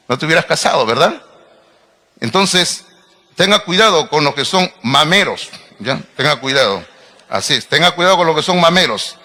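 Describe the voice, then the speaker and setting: A man's voice: on the high side, pushed and bright. A middle-aged man preaching a sermon as pastor, emphatic and full of rhetorical questions to his congregation. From Peru.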